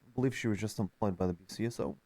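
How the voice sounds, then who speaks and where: A man conducting a casual role-play job interview in a relaxed, easygoing way. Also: fairly low pitch, very fast. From America. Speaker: police interviewer.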